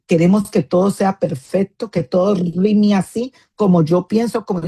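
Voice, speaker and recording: With a mid-range, mellow and husky voice, a pastor's wife gives a sincere teaching talk aimed at women. She keeps a firm, occasionally scolding tone and leans on fillers and "isn't that right?" asides.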